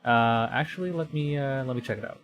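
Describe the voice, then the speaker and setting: This VTuber livestream host, a man from the Philippines, talks casually and fairly quickly in a medium-pitched voice over background music. The sound is lo-fi, and he hesitates, often going back to repeat and rephrase.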